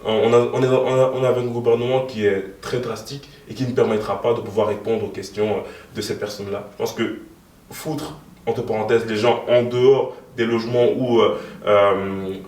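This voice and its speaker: Young guy, lowish voice, lots of ums, sounds far off in an echoey room. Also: little pitch movement, moderate pace, darkish tone. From moved to Belgium in 2013. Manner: hesitant, many fillers. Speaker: guest, youth party co-president. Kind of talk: interview answers.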